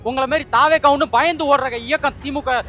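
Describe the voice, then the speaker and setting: A party supporter speaking outdoors on a street, defiant and combative. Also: male voice, very high voice, fairly even intonation, brisk, soft background music.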